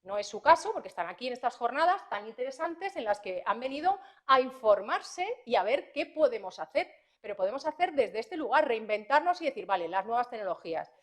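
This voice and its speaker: A woman, speaking as a prosecutor at a conference in a fairly high voice. She talks in a lively, anecdotal way and slips into the voices of parents and teens as she tells her cases. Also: brisk.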